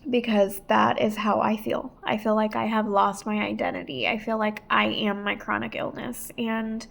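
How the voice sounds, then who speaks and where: Emotional woman podcaster talking it through, bit of vocal fry. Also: mid-range voice, level tone, moderate pace. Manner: earnest, emotional, reflective. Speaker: podcast host. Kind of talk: personal podcast monologue.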